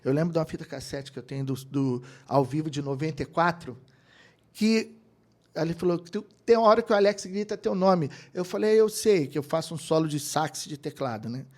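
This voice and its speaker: A man's voice: on the high side, a little fast. A middle-aged man from Brazil, a keyboardist and producer telling anecdotes in a casual interview. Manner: animated anecdotes with quoted voices and laughter. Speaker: guest, keyboardist and music producer.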